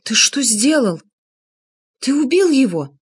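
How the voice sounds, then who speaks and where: A woman's voice: high voice, big pitch swings, slow pace, breathy edge, voice pushed up, exaggerated voice. A woman reading an audiobook, voicing a young woman in anguish who pleads and wails. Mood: shocked, angry. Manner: desperate, wailing.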